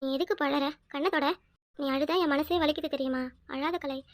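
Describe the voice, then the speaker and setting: A woman voicing a gentle young village wife in a cartoon, faint and drowsy, speaking softly with a Tirunelveli Tamil accent. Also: high voice, steady tone, moderate pace, no room sound, studio quality, voice pushed down, natural voice. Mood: tender. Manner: soft, tender, weak. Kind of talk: cartoon voice acting.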